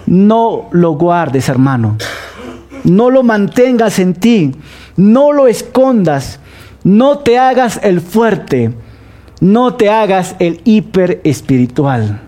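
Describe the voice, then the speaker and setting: A Peruvian pastor in middle age delivers a sermon in a fairly high voice with a soft, mellow tone. He takes his time, asking the congregation questions and leaning on slow, deliberate repetition. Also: very animated. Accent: Peruvian Spanish. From Peru. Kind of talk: sermon, Bible study.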